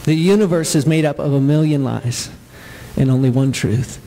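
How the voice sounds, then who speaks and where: A man in his forties doing live stand-up comedy before an audience, playful with drawn-out punchlines. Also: mid-range voice, mellow, long reverb tail, slight background noise, low-quality recording. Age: 40s. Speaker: comedian and singer.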